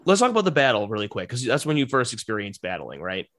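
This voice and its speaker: A man's voice: medium pitch, big pitch swings, fast talker, fairly bright tone. Easygoing male podcast co-host. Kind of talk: casual podcast chat.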